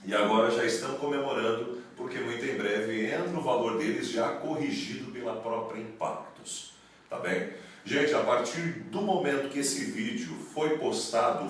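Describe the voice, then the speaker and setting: A man's voice: mid-range voice, a little hiss or hum. A man addressing viewers in an emphatic, preacher-like promotional video, recorded in an office. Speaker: network marketing promoter. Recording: echoey room, mic far off.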